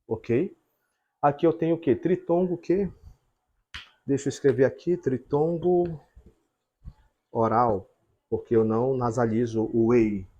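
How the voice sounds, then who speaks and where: Man, husky voice, whiteboard lesson, step-by-step explaining. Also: medium pitch, measured pace, pauses often, mellow, lo-fi sound. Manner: explains step by step with frequent check-ins. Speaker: teacher.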